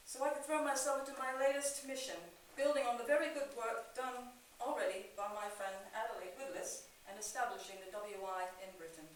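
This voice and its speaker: A woman's voice: a little high, close to an everyday voice. Woman acting a forthright colonial lady speechmaker, echoey hall. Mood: brisk, wry. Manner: chatty, forthright, genteel. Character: brisk, frank Edwardian Canadian women's movement organizer giving a speech. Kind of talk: amateur costumed historical monologue, formal public address. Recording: echoey hall from far off, faint noise.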